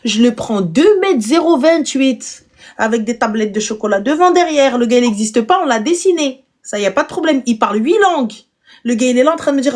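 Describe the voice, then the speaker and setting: High-voiced woman hosting a lively live stream. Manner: animated, mocking, rhetorical questions. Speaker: live stream host giving advice. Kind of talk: casual live stream chat.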